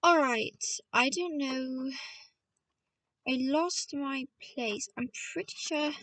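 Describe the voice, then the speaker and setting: Reading slowly in a high-pitched, fairly bright voice, a woman narrates a novel as a relaxed audiobook. She's chatty and playful with voices, often stopping to address listeners, and the dry recording is low quality, made from afar.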